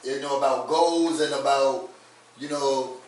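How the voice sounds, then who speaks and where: A man co-hosting a panel talk show, halting and repeating words as he poses motivational questions. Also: medium pitch, steady tone. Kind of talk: casual panel discussion. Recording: echoey room from far off.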